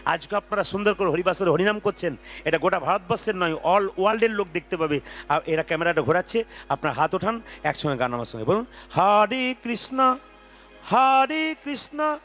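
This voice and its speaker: A man preaching between devotional kirtan songs, energetic and urging the crowd to chant along. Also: sits high, fast talker. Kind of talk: devotional kirtan with spoken sermon and call-and-response chanting. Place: large outdoor devotional gathering with crowd. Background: folk music with tabla.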